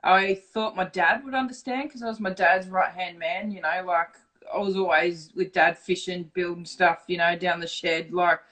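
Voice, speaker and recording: A woman's voice: fairly low pitch, moderate pace, low-quality recording. Australian woman, middle-aged, frank, swears casually, storytelling interview. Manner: frank, swears freely, animated when retelling dialogue. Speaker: interview guest.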